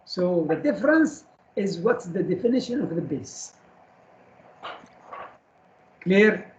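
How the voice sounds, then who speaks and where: A man's voice: high-pitched, sing-song, slow pace, slight background noise, low-quality recording. A man lecturing a class on chemistry, firing short questions at students and repeating key terms so they stick.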